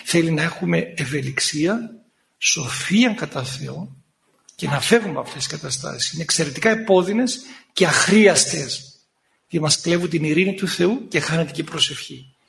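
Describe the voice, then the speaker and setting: A man preaching a sermon in an animated way, sometimes scolding and acting out the voices he quotes. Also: on the high side, gravelly.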